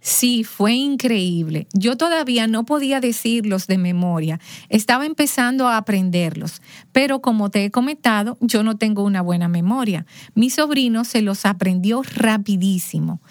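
A woman interview guest recounts a family story expressively, acting out the dialogue. Her mid-range voice, at a moderate pace, sounds dry and close with no echo or room.

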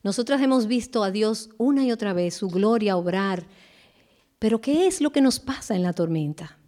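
A woman giving an earnest devotional Bible teaching, slowing down with emphatic pauses. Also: mid-range voice, expressive, warm tone.

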